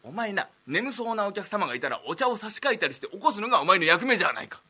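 A man playing an indignant old-time merchant master who scolds his clerk loudly. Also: high voice, big pitch swings, quick pace, breathy edge, pitched above the performer's own voice, full character voice. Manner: scolding, shouting.

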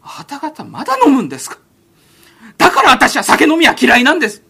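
Performed by a man, a timid young master pleads in prim, overly polite speech, his voice climbing high and swinging widely as he frets. The tone is sharp and bright, and he sounds sheltered and close to tears in this comic rakugo telling. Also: wildly swooping pitch, a little fast, creaky, exaggerated voice. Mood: prim protest. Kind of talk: rakugo storytelling.

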